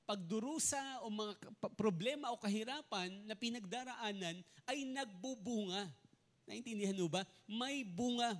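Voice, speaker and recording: A man preaching a sermon as pastor, often mixing in English and asking the congregation if they follow. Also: very high-pitched. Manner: mixes in English, asks the congregation questions often.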